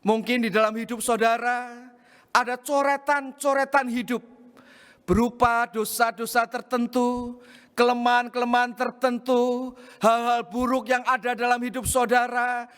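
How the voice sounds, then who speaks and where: A man's voice: very high voice, measured pace, clean tone, in a large hall. A male pastor preaching a sermon, telling a personal story and often addressing the congregation as brothers and sisters. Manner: addresses congregation as "saudara-saudara", lively anecdotal telling. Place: church.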